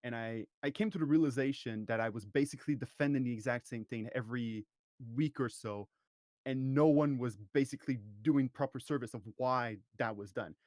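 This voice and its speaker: With a mid-range, somewhat mellow voice and a fairly quick pace, a man appears as a podcast guest in casual conversation, speaking long-windedly and thoughtfully and frequently starting his sentences over. The studio-quality recording is dry.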